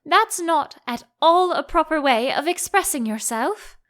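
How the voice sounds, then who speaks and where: Woman putting on an earnest, high-voiced little girl. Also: animated, a little slow, fairly bright tone. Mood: earnest, concerned. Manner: earnest, prim. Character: polite, earnest little girl, eager to show off.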